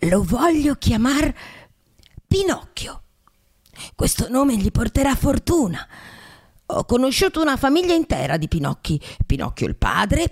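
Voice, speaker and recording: A creaky, husky old woodcarver voiced by a woman, slow and muttering to himself. His voice climbs and drops with animated pitch. He sounds old and gruff. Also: no room sound, clean studio sound, full character voice. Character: old male woodcarver, grumpy then sorrowful.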